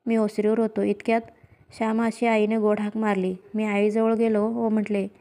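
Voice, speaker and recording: A woman reading a story aloud in a steady, even storybook manner. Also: medium pitch, normal speed. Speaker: reader.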